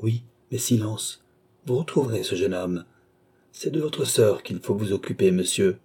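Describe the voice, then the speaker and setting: A man voicing a commanding, mysterious count in an audiobook, giving firm, measured orders. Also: on the low side, lively intonation, darkish tone, breathy edge. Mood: imperious.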